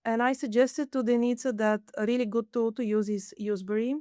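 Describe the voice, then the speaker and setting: A woman from Bulgaria who works as a UX mentor, speaking calmly and plainly in a webinar. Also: fairly high pitch, fairly quick, clean tone, dry recording, clean studio sound. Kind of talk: webinar talk.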